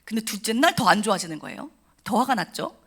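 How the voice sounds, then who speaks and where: A woman telling an emotional personal story at a church service, animated and acting out the voices of the people in it. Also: mid-range voice, quick pace, breathy edge. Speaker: testimony speaker at a church service. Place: church sanctuary.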